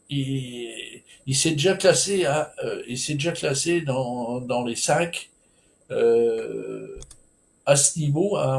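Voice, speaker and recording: A man walks through the runners of a horse race at a slow, unhurried pace. His delivery is hesitant and informal, full of filler sounds, restarts and casual asides. His voice sits at an ordinary middle pitch. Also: creaky. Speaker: horse racing tipster. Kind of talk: solo racing preview commentary.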